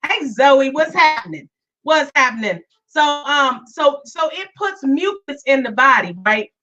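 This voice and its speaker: Here a woman hosts her podcast live, her high-pitched voice bright and pushed, with lively intonation at a measured pace. She's chatting casually, repeating things, greeting listeners by name, and still sounds weak from being ill. The dull lo-fi recording places her a bit far off.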